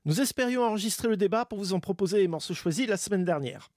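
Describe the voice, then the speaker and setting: A man's voice: sits high, expressive, fast, darkish tone, dry recording, clean studio sound. A man presenting a semi-scripted radio chronicle with a wry, tongue-in-cheek manner.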